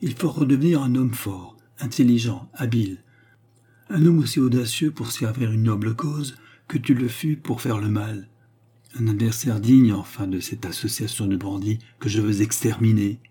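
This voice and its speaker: A man's voice: medium pitch, moderate pace, mellow, breathy edge, close to an everyday voice. A man voicing an earnest, resolute nobleman who exhorts his brother, in an audiobook reading.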